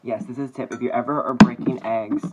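A young adult man vlogs himself cooking in his home kitchen, filming on a phone held at arm's length and chatting in a casual, playful way. His mid-range voice is steady and quick, over clattering dishes and clicks in a noisy kitchen.

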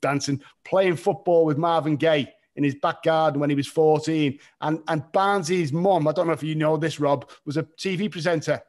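A man's voice: a little high, fairly even intonation, normal speed, few pauses, a little mellow. Eager, chatty middle-aged male host. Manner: eager, chatty, laughs often. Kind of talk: casual chat. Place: home room, indoors. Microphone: video call.

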